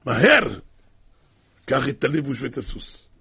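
A man voicing an impatient king who gives hurried orders, in a gravelly, raspy voice. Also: medium pitch, sing-song, sharp tone, full character voice. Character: impatient commanding male king.

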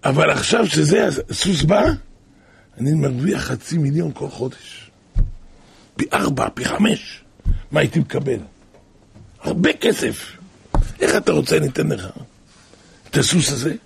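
A man delivers a spoken sermon, retelling old rabbinic stories in a loose, chatty way. His voice is heavily gravelly and very husky, sitting a little high for a man. He keeps looping back with "he says" and bursts out loudly at dramatic moments. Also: lively intonation, long pauses. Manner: repetitive "he says" storytelling, loose and colloquial.

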